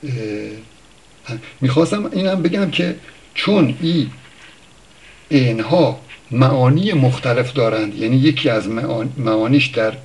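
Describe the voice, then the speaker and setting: Man explaining word origins, unhurried. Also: mid-range voice, darkish tone. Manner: thinks aloud, with pauses and self-corrections. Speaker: language teacher. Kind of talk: informal spoken lesson on word origins.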